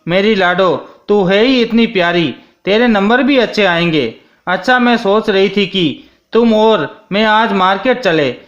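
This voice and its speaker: A man's voice: sits high, a little slow, a bit bright. A man voicing a doting, bossy old maidservant. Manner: doting, insistent. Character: elderly woman servant, affectionate and bossy. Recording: dull lo-fi sound.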